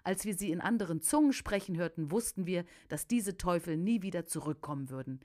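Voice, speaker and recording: A woman narrating a first-person preacher's memoir, fervent, often bursting into loud emphatic exclamations. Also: on the low side, expressive, fairly quick.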